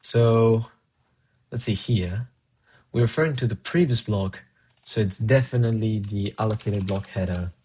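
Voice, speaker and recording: A Colombian programmer, a native Spanish speaker, streams live coding and thinks out loud, musing and replying to chat between tasks. His voice is lowish, a little mellow and slightly rough.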